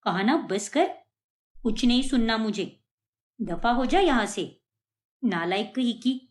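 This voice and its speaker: A woman's voice: on the high side, expressive, measured pace. A woman voicing a stern middle-aged mother in a cartoon, who scolds her daughters sharply and defends her son. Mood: scolding. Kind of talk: cartoon voice acting.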